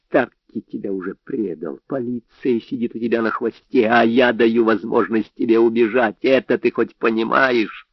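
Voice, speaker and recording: A man's voice: mid-range voice, fairly even intonation, moderate pace, few pauses, dry recording, natural voice. A man voicing a brash, scornful private eye in an audiobook, goading and sneering as he talks. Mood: taunting. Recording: dry, slightly dull audio.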